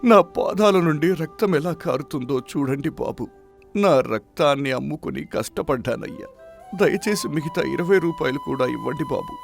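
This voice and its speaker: A man's voice: lowish voice, big pitch swings, normal speed, soft background music. A man voicing a poor, honest young village laborer, speaking in an emotional, pleading way. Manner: pleading, emotional dramatic reading.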